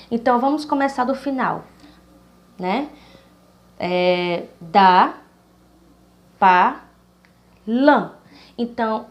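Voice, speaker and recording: Brazilian woman teacher, slightly high voice, spells out stressed syllables slowly for kids. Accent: Brazilian Portuguese. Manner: slow, stresses syllables one by one. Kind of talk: recorded school lesson.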